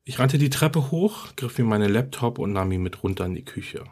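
A man narrating a first-person horror story for a podcast, calm and steady. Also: mid-range voice, moderate pace.

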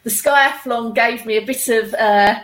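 A woman in a casual quick-fire chat, chirpy and quick to laugh. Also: on the high side, a crowd in the background, low-quality recording. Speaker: podcast guest, amateur runner.

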